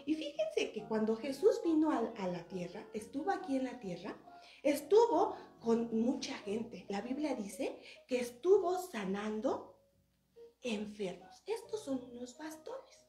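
A woman, a children's church teacher, telling a story in an animated way and asking the children questions. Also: sits high, a little slow. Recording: roomy with faint music.

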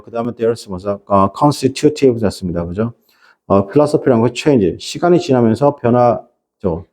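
A middle-aged man teaching an English reading class to high school students, often asking rhetorical questions. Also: mellow. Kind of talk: classroom lecture.

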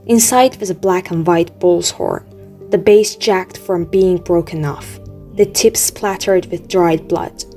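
A woman reading an audiobook aloud in a steady, measured storytelling manner. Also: lowish voice. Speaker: audiobook reader. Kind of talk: audiobook narration. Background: faint music.

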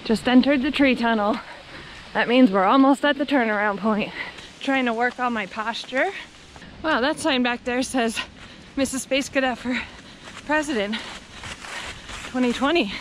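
An American woman with a fairly high voice talks to her camera while running along a country road. She is casual, wry and sarcastic, swearing freely. The handheld outdoor audio has clear wind noise. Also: moderate pace, long pauses. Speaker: vlogger. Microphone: handheld camera at arm's length. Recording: windy, noisy outdoor action-camera audio.

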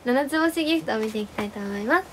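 A hoarse young woman chatting casually on a live stream, bubbly and playful as she thanks viewers for gifts. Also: fairly high pitch, expressive, background noise. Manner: playful exclamations and cute drawn-out reactions. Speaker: live streamer, former idol.

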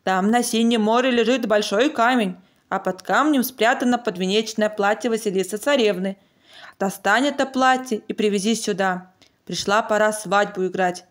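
A woman's voice: mid-range voice, natural voice. A woman voicing a demanding, threatening tsar in a fairy tale, with a commanding manner. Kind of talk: storybook narration in character.

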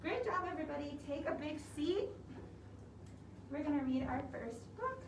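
In a library room with large windows, a young woman whose voice sits high speaks at normal speed as she leads preschoolers in songs and read-alouds. Her simple, animated instructions come through slightly muffled by a face mask, recorded from a camera a few metres away that adds roominess and clear background noise.

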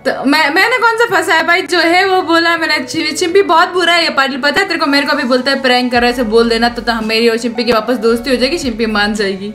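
A woman's voice: sits high, music in the background. A woman hosting a gaming channel, teasing and laughing through casual game voice chat. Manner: teasing, laughing, quick banter.

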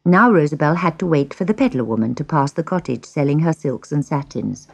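A woman narrates a children's story with expressive, gently dramatic reading. Her voice sits a little low, moves a lot in pitch and has a gravelly edge. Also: a little fast.

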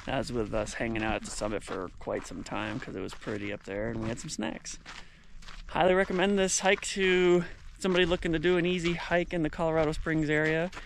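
A man in his forties narrating a casual hiking vlog outdoors, talking in a relaxed, chatty way into a camera at arm's length. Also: mid-range voice, creaky, slight background noise. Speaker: hiking vlogger. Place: outdoors on a forest trail and dirt parking area. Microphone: action camera held at arm's length.

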